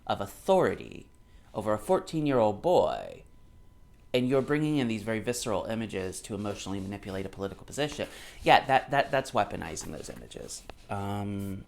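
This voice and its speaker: This thirty-something commentator speaks on the low side at a moderate pace, with a sing-song lilt and some vocal fry. He alternates between reading from a book and reacting casually, and his argumentative, emphatic style leans on repetition to hammer points home.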